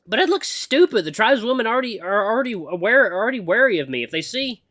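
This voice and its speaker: In an audio story, a man plays a young, sensitive apprentice runner, his high voice very animated, stammering and expressive, and quick to tip into sweary exasperation. He sounds incredulous in a full character voice, recorded with clean studio sound and no room sound.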